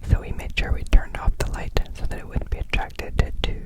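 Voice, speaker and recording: A man speaks entirely in a soft ASMR whisper, with no voiced tone at all. He rambles as the host, lingering on words and repeating them, close up at the microphone as if from ear to ear. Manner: repeats words and phrases slowly.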